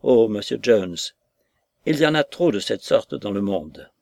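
A man's voice: on the low side, big pitch swings, a little slow, darkish tone, dry recording, studio quality. A man reading aloud and voicing a chattering, indignant lady's maid in a raised, prattling voice. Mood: indignant gossip.

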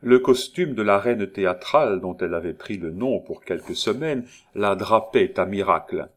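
A man narrating a classic novel as an audiobook in a measured, deliberate reading. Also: on the low side, animated.

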